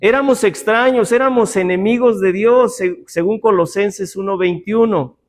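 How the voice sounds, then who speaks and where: High-voiced man teaching a Bible class. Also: normal speed. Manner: joking asides and rhetorical questions to the class.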